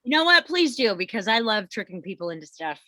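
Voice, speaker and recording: A woman who is a guest in a casual food-tasting chat, animated and laughing as she tells stories. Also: mid-range voice, fairly quick, no room sound. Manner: animated storyteller, laughs while telling.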